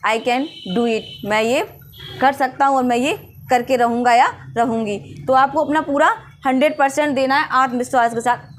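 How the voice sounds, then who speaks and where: A woman's voice: high-pitched, slight background noise. A young woman vlogger giving earnest, coaching advice on interview preparation in a casual way. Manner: earnest, coaching, often asks "है ना?".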